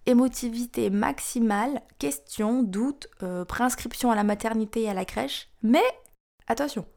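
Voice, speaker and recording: A woman's voice: on the high side, normal speed, creaky, a little mellow. A woman in her thirties hosting a podcast, reading scripted narration in a frank, wry, confiding way. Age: 30s. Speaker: podcast host.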